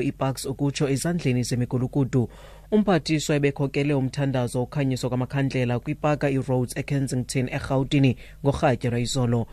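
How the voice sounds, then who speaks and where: A South African man reads a scripted radio bulletin at a fast clip. His pitch is medium and the studio sound is dry and close. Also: dark tone, dry recording. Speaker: news reader.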